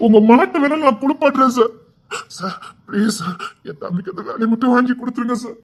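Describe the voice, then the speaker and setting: A man playing a fast-talking desperate elder brother. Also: very high voice, expressive. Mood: pleading. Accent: Tirunelveli Tamil. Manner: begging, repetitive, emotional.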